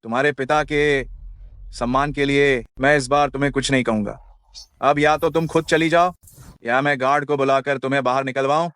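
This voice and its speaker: A man's voice: medium pitch, fairly even intonation, moderate pace, fairly bright tone, smooth, dry recording, clean studio sound, natural voice. An actor dubbing a cold, curt young male CEO who gives orders. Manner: curt, commanding. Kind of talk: dubbed drama dialogue.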